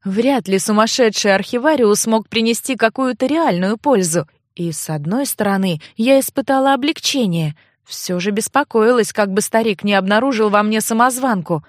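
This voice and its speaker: Brief: female audiobook narrator, fairly high voice, measured first-person storytelling, dry close sound. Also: no echo. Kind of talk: first-person novel reading.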